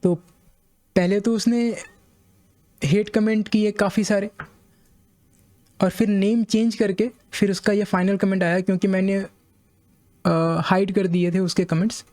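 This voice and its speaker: Indian guy teacher w/ indian accent, mellow warm voice, repeats himself, reads english slow. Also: high-pitched, level tone. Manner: measured, repeats points, reads English slowly. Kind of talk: explaining to viewers, reading passages aloud.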